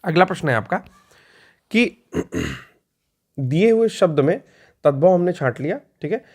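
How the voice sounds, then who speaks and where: A male teacher giving an exam-prep lecture. He explains patiently, repeats key words slowly and often clears his throat. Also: a little high, very animated.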